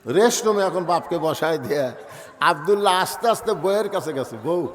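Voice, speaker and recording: A male preacher telling a story in a sermon, animated, swinging between loud and soft. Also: fairly high pitch, brisk. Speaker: Islamic preacher. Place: religious gathering. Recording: echoey reverberant hall sound.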